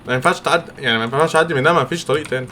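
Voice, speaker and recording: A young man with an Egyptian accent commentating his own gameplay, excitable and quick to react loudly. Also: fairly high pitch, soft background music. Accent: Egyptian Arabic. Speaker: gamer. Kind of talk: let's-play game commentary.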